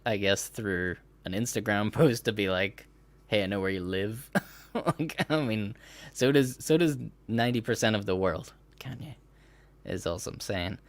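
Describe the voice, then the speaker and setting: A man's voice: on the low side, no echo. A man hosting a podcast in casual chat, rambling and laughing as he breaks into mocking impressions. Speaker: podcast host.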